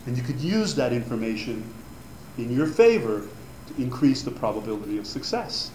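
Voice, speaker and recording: Very animated, with a medium pitch, a darkish tone and normal speed, this advisor was born in Cuba and is a native Spanish speaker. He chats with students about a grant program, rambling with many fillers and restarts, in an echoey room before an audience with faint background noise.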